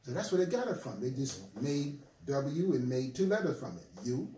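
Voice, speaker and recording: A man's voice: mid-range voice, very animated, normal speed, dark tone, slight background noise. A man leading a casual group discussion, explaining at length and laughing often. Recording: echoey room, mic far off, crowd.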